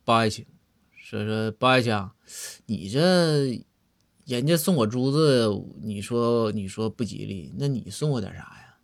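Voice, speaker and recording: A man's voice: mid-range voice, a little slow, no room sound, studio quality, lightly acted. A man voicing a bantering, easily exasperated emperor in a comic story. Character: indignant old male emperor, easily pleased.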